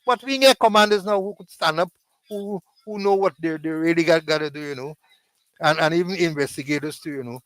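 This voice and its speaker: A man's voice: a little high, fairly quick, fairly bright tone, no echo, poor audio. An older former police commander, insistent and stammering as he talks. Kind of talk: casual chat.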